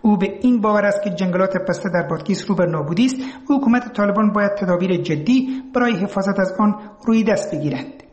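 Roomy, high-voiced Afghan male reporter. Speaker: radio news reporter. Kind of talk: scripted radio news report. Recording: roomy, echoing voice recording.

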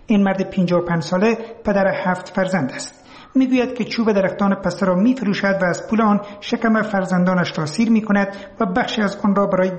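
A man's voice: sits high, highs cut off. A man with an Afghan accent reading a scripted radio news report as a reporter. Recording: roomy, echoing voice recording.

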